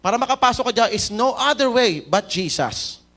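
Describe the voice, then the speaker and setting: Filipino pastor guy, high voice, preaching in church, tells stories and asks the crowd stuff. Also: lively intonation, moderate pace, a bit bright. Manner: mixes Tagalog and English, storytelling, asks the crowd questions. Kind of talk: sermon.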